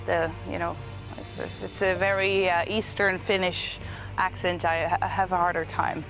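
A Dutch woman from the Netherlands, a band vocalist, speaks in a documentary interview over music. Her voice is on the low side with flat delivery and a moderate pace, and she's thoughtful and friendly, at times searching for words.

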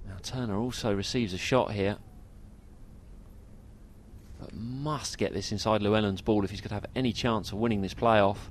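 A man's voice: on the low side, fairly even intonation, normal speed, pauses often, a little hiss or hum. A man giving golf commentary, analysing each shot of a tournament.

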